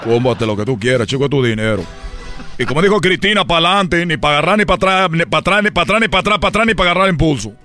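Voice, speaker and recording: A man's voice: a little high, quick pace, bright, forceful tone, faint music behind. A man hosting a comedy radio skit, telling a rambling, playful story. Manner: rambling and playful, slipping into voices.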